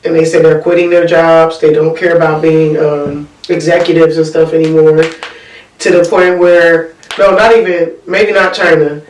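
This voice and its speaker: A man's voice: on the high side, level tone, moderate pace, far from the mic, slight background noise. A man co-hosting a podcast, talking in a casual, slangy and profane way and walking through statistics. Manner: loose, slangy and profane, explains with numbers. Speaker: podcast co-host. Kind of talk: casual chat. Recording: roomy sound, mic set back.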